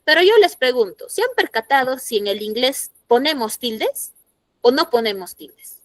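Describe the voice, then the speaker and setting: A woman's voice: sits high, lively intonation, moderate pace, no echo. A woman teacher, explaining grammar rules and asking her students questions. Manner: explanatory, asks the class questions. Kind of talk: classroom lesson to students.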